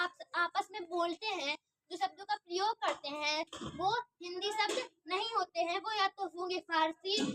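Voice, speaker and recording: A woman's voice: extremely high pitch, sharp tone, slight background noise. A woman teacher giving an online grammar lesson, asking questions and answering them herself and often checking whether the class understands. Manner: repetitive, restarts words while explaining.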